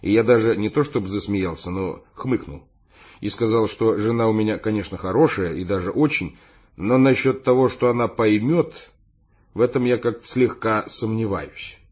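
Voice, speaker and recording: A man narrating a first-person audiobook with lively expression, his mid-pitched voice a little husky, on a dull, muffled recording. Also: normal speed.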